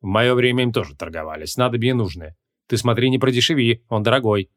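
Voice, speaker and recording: A man voicing a hot-tempered ancient male archmage, gruff and imperious, in an audiobook. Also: medium pitch, fast, close to an everyday voice.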